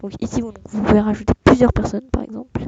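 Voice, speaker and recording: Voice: medium pitch, little pitch movement, fast, highs cut off, loud music behind the voice. A young speaker giving a casual screen-recorded tutorial, hesitant and full of fillers. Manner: hesitant, many fillers and restarts. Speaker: tutorial host.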